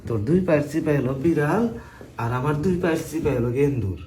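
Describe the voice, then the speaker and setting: A man playing an elderly village grandfather who tells old stories and scolds loudly. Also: a little high, quick pace, a little hiss or hum, lightly acted. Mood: reminiscing. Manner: folksy storytelling, then loud scolding. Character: elderly village grandfather, later a blustering husband. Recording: roomy indoor recording.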